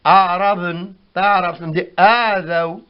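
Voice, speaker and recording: A man giving a spoken language lesson, slowly repeating words to show how they are pronounced, on a dull lo-fi recording. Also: high-pitched, fairly even intonation, clear, resonant tone. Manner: slow, repeats words for pronunciation. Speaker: language teacher.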